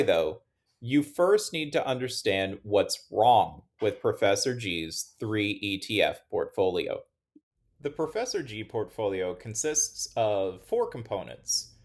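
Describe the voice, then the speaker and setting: A man hosting an investing channel, giving measured, critical finance commentary in a scripted style. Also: on the low side.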